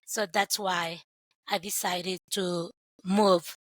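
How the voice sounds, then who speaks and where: A young woman, sharing her story as a guest in sincere, halting phrases. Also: lowish voice, fairly even intonation, dry recording, rough recording. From El Salvador. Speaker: guest, sponsorship coordinator. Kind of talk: earnest personal testimony.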